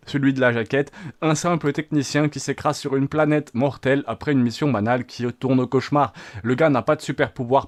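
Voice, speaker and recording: A man reads a game review script with a dramatic flair. He breaks his lines into short, hard-hitting phrases and leans on rhetorical questions. His voice sits at a middle pitch. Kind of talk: scripted video narration.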